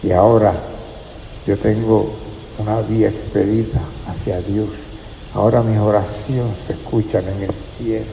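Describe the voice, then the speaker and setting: Gravelly-voiced preacher in an echoey hall. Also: male voice, fairly low pitch, flat delivery, unhurried, dark tone, slight background noise. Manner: earnest, addresses listeners as brother. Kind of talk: sermon. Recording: echoey hall with faint ambience.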